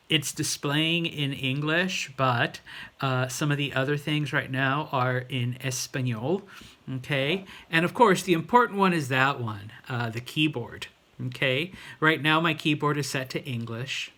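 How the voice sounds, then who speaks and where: A middle-aged man giving an informal tutorial as a language teacher, talking haltingly and often checking in with his listeners. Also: mid-range voice, fairly bright tone. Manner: halting, with frequent check-in questions. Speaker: Spanish teacher. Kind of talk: informal tutorial for students, demonstrating on a computer.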